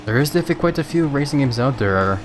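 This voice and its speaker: A man's voice: medium pitch, lively intonation, rapid-fire, over music. A man casually chatting with viewers while playing a racing game on a live stream, laid-back and laughing often.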